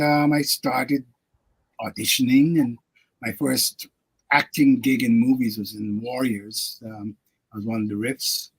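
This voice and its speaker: Older man with a husky voice. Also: mid-range voice. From Guyana. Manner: reflective, laughs often, many fillers. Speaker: actor and guest. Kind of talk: radio interview storytelling.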